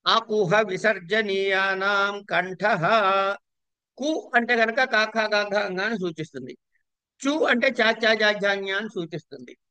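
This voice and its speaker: A man with a Telugu accent lectures in a high, bright voice that stays crisp and clear. The sound is close and dry. He explains step by step and keeps checking in with his audience by asking them questions. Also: no echo. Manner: explanatory, quizzes listeners with rhetorical questions. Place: lecture hall.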